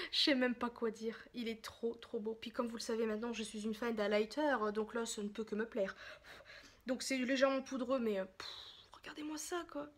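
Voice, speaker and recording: A woman chatting casually in a makeup haul vlog, excitable, gushing and often apologizing. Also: on the high side, moderate pace. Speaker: beauty vlogger.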